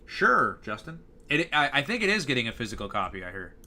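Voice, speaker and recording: A man's voice: mid-range voice, very animated, a little fast, pushed and bright. A young man chatting casually on a live stream, rambling and hesitant, with lots of fillers.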